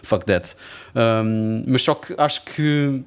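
A man's voice: mid-range voice, slow, clean tone. Slangy Portuguese man in casual chat. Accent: European Portuguese. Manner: slangy, sweary, mixes in English phrases. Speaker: music producer and mix engineer.

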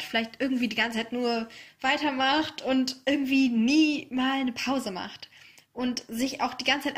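Woman podcast host, slightly high voice, gentle and encouraging solo talk. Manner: gentle, encouraging, laughs softly between thoughts.

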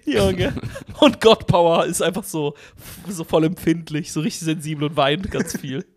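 Higher-voiced man riffing crudely on a podcast. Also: moderate pace. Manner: laughing, crude, exaggerated riffing. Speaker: podcast co-host. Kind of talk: casual comedic chat.

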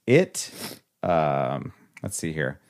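A man's voice: very deep voice, big pitch swings, drawn-out words, darkish tone. A man hosting a casual chat, quizzing his friend on movie clips with easy jokes. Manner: jokey, runs a quiz game. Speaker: podcast host.

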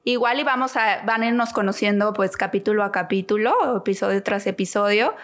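A woman's voice: medium pitch, a little fast. A woman, co-hosting a podcast in casual, chatty talk full of tag questions. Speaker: podcast co-host. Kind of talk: casual chat.

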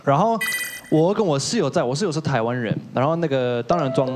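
A man recounts an anecdote on a talk show. He acts out the people he quotes. His voice is high and leaps around in pitch. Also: expressive, fast talker, music in the background. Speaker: guest panelist.

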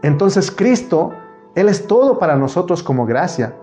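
A man's voice: high-pitched, sing-song, normal speed, warm tone. A man from Mexico preaching a sermon, earnest and personal, raising his voice when he quotes others. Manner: earnest, personal anecdotes, rising voice for quoted speech. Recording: muffled recording with faint instrument music.

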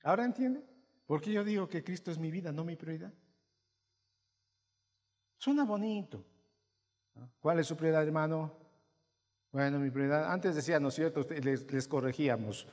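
A male pastor preaching to his congregation, asking them questions and swinging between quiet asides and loud, emphatic bursts. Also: fairly high pitch, moderate pace, long pauses. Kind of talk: sermon. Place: church hall. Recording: long hall reverb.

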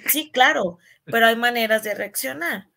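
A woman's voice: on the high side, normal speed, gravelly, pushed and bright. A woman co-hosting a casual podcast, making firm points with quoted examples. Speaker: podcast co-host.

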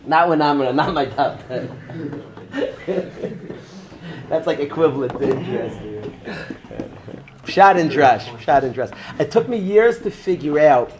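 In an informal yeshiva Torah lesson, a rabbi with a fairly high voice keeps a measured pace and pauses often. He stays animated, joking and speaking straight to students by name.

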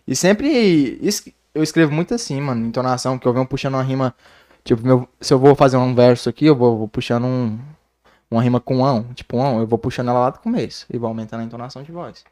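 Fast-talking slangy rapper guy. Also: medium pitch. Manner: fast, slangy, animated storytelling. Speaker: guest, battle rapper. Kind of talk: casual chat.

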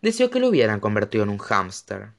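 Expressive male audiobook narrator. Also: fairly low pitch, fast talker, gravelly. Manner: dramatic, expressive. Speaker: audiobook reader.

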